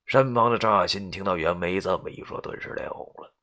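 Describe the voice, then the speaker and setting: A man narrating a novel in the first person in a gruff, coarse, swearing manner. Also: deep voice, brisk, bright, forceful tone. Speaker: audiobook narrator.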